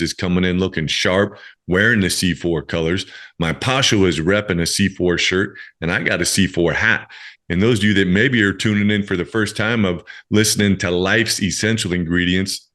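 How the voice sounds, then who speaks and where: A podcast host with a deep, slightly bright voice speaks in an effusive, encouraging manner. He shifts between a scripted introduction and casual chat, talking directly to his listeners.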